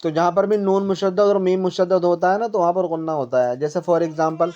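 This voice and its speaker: A woman's voice: fairly low pitch, mellow. A woman teaching a one-on-one Quran reading lesson, explaining patiently, repeating points, quizzing her pupil and stretching syllables out to demonstrate. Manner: patient, repetitive explaining with questions. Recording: dull lo-fi recording.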